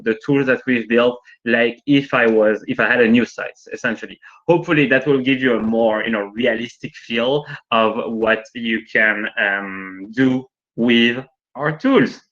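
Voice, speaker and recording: A workshop presenter, not a native English speaker, runs a live online training session with demos while working from home on a video call. He is chatty and frequently tacks on "right?", with a middling, slightly bright voice and somewhat muffled, lo-fi call audio.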